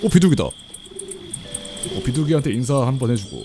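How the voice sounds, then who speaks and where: Man, game streamer, casual commentary, lively pitch, laughs often. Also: moderate pace, over music. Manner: chatty, laughs often, reads game text aloud. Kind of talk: casual let's play commentary.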